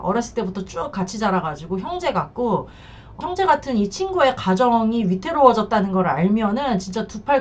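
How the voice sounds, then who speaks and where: A woman's voice: mid-range voice, muffled recording, slight background noise. A woman counselor giving blunt advice on cheating husbands, often acting out what the men say. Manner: blunt, acts out quoted men in lively bursts. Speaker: divorce and infidelity counselor. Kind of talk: advice talk to camera.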